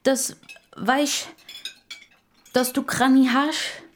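Lady doing a little boy in a radio play, high voice, slow and earnest, soft music under it. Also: fairly even intonation, a little hiss or hum. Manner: earnest, stammering at times. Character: Moussa, young boy, eager and curious.

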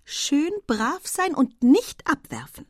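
A woman doing a teasing young wife, high and bright. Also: very animated, moderate pace, husky, no room sound, clean studio sound, heavily acted. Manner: playful, mock-indignant.

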